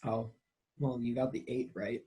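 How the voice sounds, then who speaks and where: A man's voice: medium pitch, little pitch movement, normal speed, mellow. A man hosting a casual interview and quiz show, playful and teasing in an upbeat way. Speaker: podcast host running a quiz.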